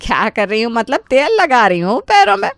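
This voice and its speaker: A woman's voice: on the high side, big pitch swings, fairly quick, a bit bright, no echo, studio quality. A woman voicing a middle-aged mother-in-law in a cartoon story, bossy and scolding. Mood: mild. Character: middle-aged mother-in-law, easily swayed, sharp-tongued. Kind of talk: Hindi cartoon voice acting.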